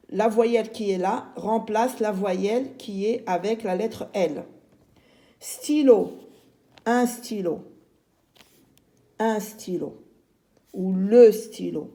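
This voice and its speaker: A woman's voice: medium pitch, dark tone. A middle-aged woman teaching a lesson to young children, speaking patiently and drawing out each word as she repeats it. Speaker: primary school teacher.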